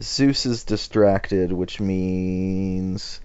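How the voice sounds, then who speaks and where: A man in a casual book discussion, talking in a relaxed, hesitant way with many fillers and restarts. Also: sits low, extremely slow, smooth, no echo, muffled recording. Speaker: podcast co-host discussing the Iliad.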